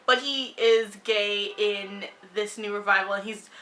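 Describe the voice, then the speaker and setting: A woman's voice: mid-range voice, fairly even intonation, a little slow, bright, forceful tone. A young woman reviewing a TV show in casual, opinionated chat, blunt and sarcastic, swearing freely and saying "like" a lot.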